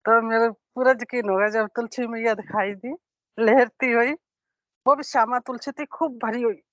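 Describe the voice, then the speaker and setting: A woman's voice: fairly high pitch, steady tone, normal speed, fairly bright tone, no echo, lo-fi sound. A middle-aged woman on a video call giving an earnest personal testimony and retelling events with quoted dialogue. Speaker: devotee sharing an experience. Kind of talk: personal testimony in an online satsang.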